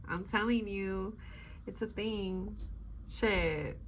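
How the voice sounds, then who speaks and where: A woman's voice: medium pitch, unhurried, a little hiss or hum. A woman giving a casual, chatty spiritual reading in a laid-back, slangy stoner manner, rambling and drawing out words. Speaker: tarot-style spiritual advice reader.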